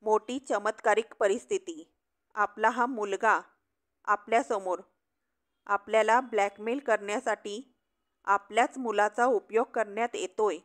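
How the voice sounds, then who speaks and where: A woman storyteller reading a family story aloud in a measured, expressive way. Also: medium pitch. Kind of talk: scripted narration.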